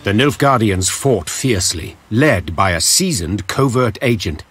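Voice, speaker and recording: An actor playing a storyteller who narrates a war tale in a video game, measured, literary and wry. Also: male voice, on the low side, lively intonation, fairly bright tone, soft background music. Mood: storytelling. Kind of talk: scripted dramatic storybook narration.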